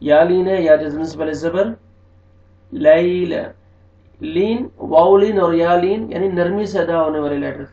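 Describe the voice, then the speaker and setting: A man teaching tajweed, slowly drawing out recited words and then explaining the pronunciation rules more plainly. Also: fairly high pitch, steady tone, dark tone. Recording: echoey, distant, dull recording.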